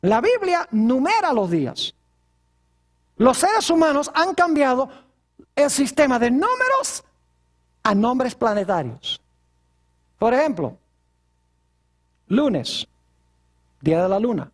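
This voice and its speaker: A male pastor delivering a sermon in church. His pitch rises and falls widely, and he keeps asking his congregation rhetorical questions, then answering them. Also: big pitch swings, takes it slowly, pauses often.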